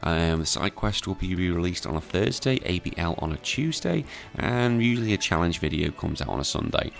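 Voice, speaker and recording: A man's voice: sits low, expressive, a little fast. A young British man giving casual game battle commentary, keeping his voice down and subdued at night. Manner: subdued, hushed voice kept down at night. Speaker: gaming content creator. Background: clear background music.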